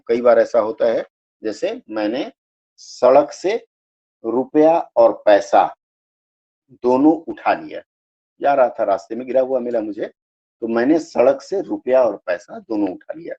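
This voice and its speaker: A man's voice: medium pitch, mellow, highs cut off. A man teaching a live online grammar class, explaining step by step and checking that students understand.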